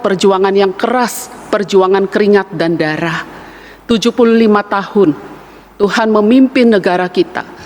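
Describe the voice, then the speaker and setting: A woman evangelist preaching a sermon in a measured way, repeating phrases for emphasis. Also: mid-range voice. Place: church. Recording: echoey church hall, faint hiss.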